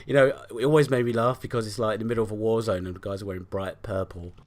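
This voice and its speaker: Hoarse, low-voiced British man, blunt and sweary. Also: fairly even intonation, racing. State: hoarse, sore throat. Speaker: gaming show host. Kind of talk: casual banter over gameplay.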